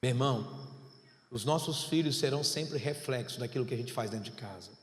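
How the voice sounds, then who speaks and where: A male pastor preaching a sermon, swinging from quiet, low passages to loud, shouted exhortation. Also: brisk. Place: large church hall. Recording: echoey church hall with long reverb.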